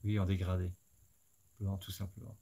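Gravelly-voiced man hosting a live stream. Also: low-pitched, flat delivery, normal speed, dark tone. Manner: chatty, thinks aloud and talks straight to viewers. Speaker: host of a live scale-modeling stream. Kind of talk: casual live-stream chat.

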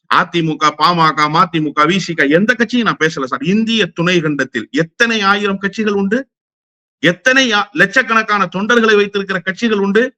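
A man's voice: sits high, bright, forceful tone, no echo. A man speaking as a political guest in a heated interview, combative and firing rhetorical questions.

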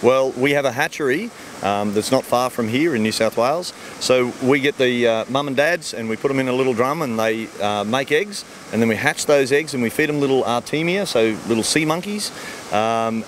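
Standing outdoors beside his farm ponds, a middle-aged Australian fish farmer answers questions into the interviewer's handheld mic. He's easygoing, explaining simply with everyday comparisons in a mid-range voice at a moderate pace, with a little hiss or hum in the recording.

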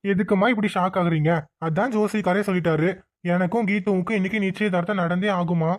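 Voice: medium pitch, fairly even intonation, background noise, close to an everyday voice. A voice actor playing an irritable young man in a cartoon, curt and dismissive. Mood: insistent. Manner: curt, rapid.

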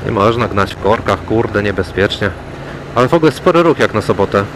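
A man chatting casually to viewers while riding a motorcycle through city traffic, relaxed, with wry remarks about other drivers. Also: lowish voice, a little fast. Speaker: motovlogger. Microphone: helmet mic. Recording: clear road and engine noise. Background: road and traffic noise.

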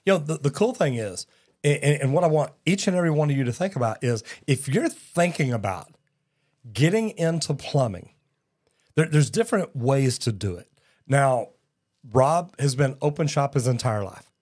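Speaking with a mid-range, slightly mellow voice, lively intonation and moderate pace, a man in his sixties chats casually on a live-stream from a studio. He is a folksy, upbeat podcast host who keeps calling people "man", heard on a broadcast mic on a boom arm.

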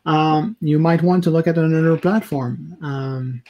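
A French-speaking video blogger, a man with a higher-pitched voice, delivers a casual opinion rant to the camera from a small home office. He talks haltingly, searching for words and correcting himself, and the audio sounds dull.

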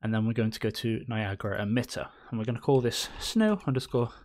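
This fast-talking man has a mid-range voice with a slightly mellow quality. He hosts a game engine tutorial recorded from his screen, staying chatty and cheerful with small playful whoops, though an oncoming cold makes him sound a little hoarse.

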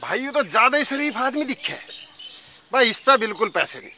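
Brief: man as a blustering village cop, very high voice, comedy skit. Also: very animated, brisk, pushed and bright, slight background noise, heavily acted. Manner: blustering, comic rustic banter. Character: bumbling corrupt village police inspector, man.

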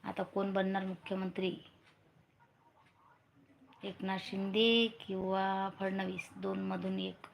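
A woman with a Vidarbha Marathi accent chats on a casual home live stream, greeting viewers and calling for comments. Her pitch stays flat and even throughout. A faint hiss of household noise sits behind her phone recording. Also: slow, gravelly, long pauses. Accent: Marathi from Vidarbha region. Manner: urges viewers to comment, chats with family off-camera.

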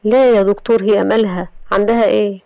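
A woman's voice: mid-range voice, fairly even intonation, fast, dark tone, no echo, lo-fi sound, voice pushed up, natural voice. A woman voicing a frightened young man with an Egyptian accent, stammering in alarm. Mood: anxious. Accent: Egyptian Arabic. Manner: tense, stammering.

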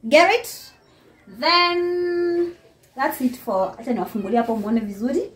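A chatty young Kenyan woman with a high, unhurried voice gives a house tour of her small apartment, indoors and out on the balcony. She's lively, laughs often and talks straight to viewers, mixing English and Swahili. It's filmed on a handheld phone camera.

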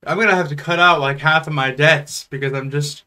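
A man's voice: a little high, fairly even intonation, fairly quick. A man giving frustrated, profane commentary as he plays a horror game and later wraps up his video. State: stressed and sweating. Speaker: gaming YouTuber. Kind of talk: live gameplay commentary. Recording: loud game music behind the voice.

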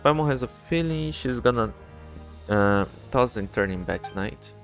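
A man's voice: medium pitch, lively intonation, moderate pace, soft background music, natural voice. A man reading cheeky little companion Paimon. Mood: teasing. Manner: boastful, teasing, talks of herself in third person.

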